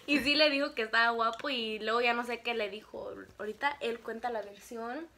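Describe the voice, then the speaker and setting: A woman's voice: a little high, brisk. A young woman telling a casual storytime, laughing often and acting out what people said. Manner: animated, laughs often, acts out quotes. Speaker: vlogger telling her story.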